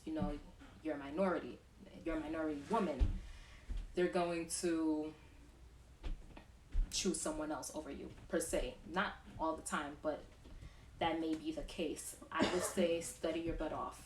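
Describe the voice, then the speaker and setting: Chatty young nurse lady, low voice, kinda far from the mic in an echoey room. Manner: chatty, animated when acting out patients. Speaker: nurse and show host. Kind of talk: casual chat answering questions. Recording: echoey room, distant mic, faint noise.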